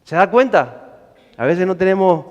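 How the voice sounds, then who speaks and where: A man preaching a sermon, animated, acting out scenes with shouts and character voices. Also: sits high, moderate pace, highs cut off. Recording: hall reverb.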